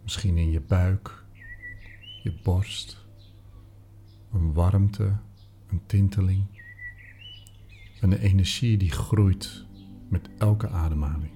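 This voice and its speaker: Male meditation guide, very dark mellow tone, slow soft delivery, faint music behind. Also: low-pitched, steady tone. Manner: slow, soft-spoken, soothing, with whispered phrases.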